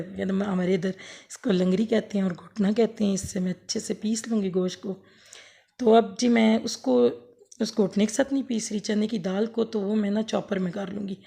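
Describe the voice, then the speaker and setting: Hoarse woman casually explaining a recipe. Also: medium pitch, dark tone. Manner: homely, rambling, self-correcting explanations. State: hoarse with a sore throat. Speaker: cooking vlogger. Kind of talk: casual cooking demonstration. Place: home kitchen, later outdoors under a fan.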